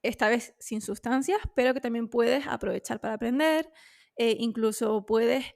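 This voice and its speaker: A woman talks candidly as a podcast co-host. Her voice sits a little high, and she talks in a loose, chatty way full of fillers. The sound is dry and close. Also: normal speed, gravelly, dry recording. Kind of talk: casual conversation.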